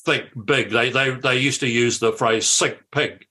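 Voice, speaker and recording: An older man tells stories on talk radio. His voice is bright and forceful, and his delivery is animated, with words often repeated. His pitch sits in an average range. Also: moderate pace. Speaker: radio guest, former MP.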